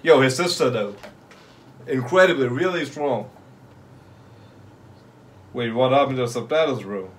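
A young man giving excited live reaction commentary in casual street slang, swearing freely and repeating short phrases. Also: medium pitch, measured pace, long pauses, slight background noise. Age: young adult. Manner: casual street slang, like "yo", "fam", "bro", "no cap". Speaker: anime reaction host. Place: small bedroom or home room, indoors.

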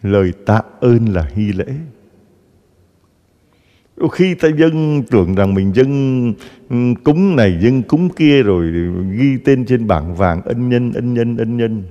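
A man's voice: medium pitch, takes it slowly, muffled recording. Priest guy giving a sermon, voice jumps all over, long echo in the church. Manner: animated storytelling, acting out gossiping voices.

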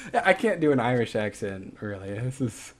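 A man's voice: medium pitch, normal speed. A man hosting a live stream, chatting casually and loosely with lots of laughs and fillers as he wraps up. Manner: relaxed, laughing, filler-heavy. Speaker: stream host. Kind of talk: casual sign-off chat.

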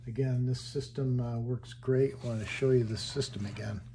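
A man casually walking through his hobby wiring build in a home workshop, halting and thinking aloud as he handles parts. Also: mid-range voice, steady tone, dark tone, slight background noise.

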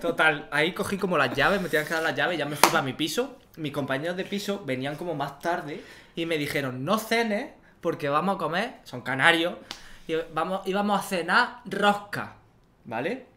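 A young podcast co-host with an Andalusian accent, from Almería, shares animated stories, laughing frequently and acting out what people said. His voice is fairly high and his speed normal, with slight background noise. He sits at a desk in a small studio, speaking into a desk mic on a stand.

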